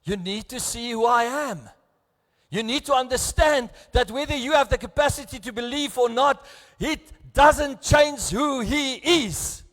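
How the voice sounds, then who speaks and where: Emotional South African pastor in a hall. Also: male voice, very high voice, a little slow. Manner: emotional, earnest, swings between hushed and raised. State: close to tears. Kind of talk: bilingual sermon. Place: church. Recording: echoey church hall.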